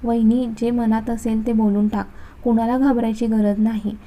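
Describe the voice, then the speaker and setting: A woman voicing an outspoken, sharp-tongued young sister who speaks bluntly. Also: fairly high pitch, flat delivery, normal speed, lightly acted. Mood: cheerful. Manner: blunt, scolding.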